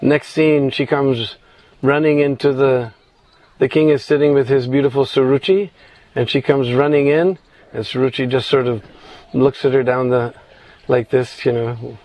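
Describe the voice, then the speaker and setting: A man's voice: medium pitch, steady tone, moderate pace, darkish tone, poor audio. A man telling a scripture story in an informal sermon, meandering with restarts and frequent "you know".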